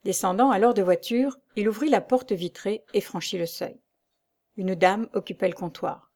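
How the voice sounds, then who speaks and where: Audiobook narrator, woman, calm and even, warm mellow tone. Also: mid-range voice, normal speed. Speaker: audiobook reader. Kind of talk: scripted narration of a classic novel.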